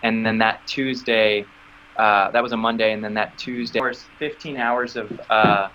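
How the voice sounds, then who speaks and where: A man's voice: moderate pace, lo-fi sound. A man being interviewed about acting work, telling a story in a casual way and acting out the dialogue he quotes. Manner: animated, acts out quoted dialogue with sudden high squeaks. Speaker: actor interview guest.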